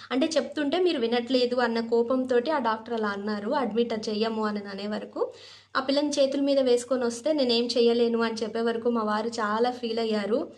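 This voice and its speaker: A woman's voice: a little high, a little mellow. Earnest woman telling a heartfelt story. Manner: earnest, heartfelt, sincere retelling with reenacted dialogue. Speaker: storyteller sharing a personal experience. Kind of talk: emotional personal storytelling.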